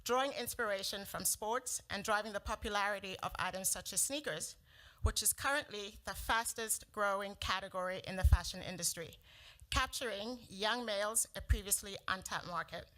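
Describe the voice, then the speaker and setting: The audio is poor as a middle-aged South African woman, a native Sepedi speaker, presents a prepared startup pitch. Her tone is fairly bright, and she comes across as measured and earnest.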